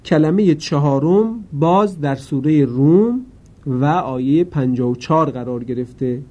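A man gives a Quran reading lesson. His voice is mellow and sits a bit high, and he explains slowly and carefully. Now and then he chants a single word, drawn out and louder. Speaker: Quran recitation teacher.

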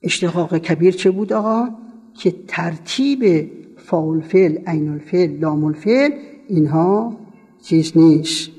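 A man's voice: on the high side, mellow, slightly rough. A man teaching a seminary class, quizzing his students and repeating word forms for them to copy. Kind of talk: classroom lecture on Arabic grammar. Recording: long reverb from a hall.

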